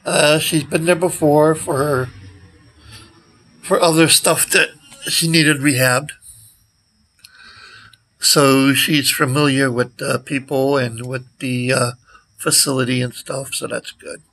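A sixty-something man rambles into his handheld phone outdoors near a brick wall, speaking in a halting, casual way and often letting his words trail away. His voice is coming back after he nearly lost it to a recent illness. It has a medium pitch that barely moves and a fairly bright tone, and the recording is rough.

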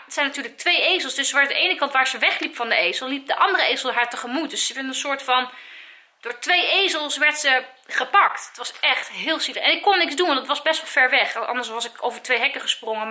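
A woman's voice: sits high, sharp tone. A Dutch woman in her thirties, a mother filming a family vlog, chatting to the camera and soothing her frightened dog. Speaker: vlogger, mother. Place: outdoors, then at home.

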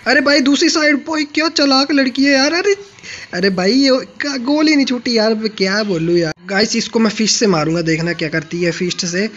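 A young man commentating his own shooter gameplay, excitable and teasing, shouting at sudden kills and muttering smugly in between. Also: very high voice, a little fast, dull audio. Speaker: gaming YouTuber.

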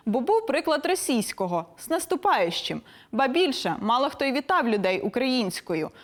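A young woman presenting a scripted language lesson in a crisp, didactic and lightly playful manner. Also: on the high side.

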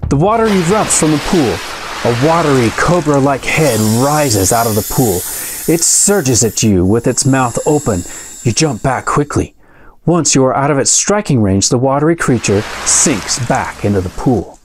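Man, host, reads a gamebook aloud, dramatic storytelling, very lively pitch. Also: moderate pace, background noise. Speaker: storybook reader.

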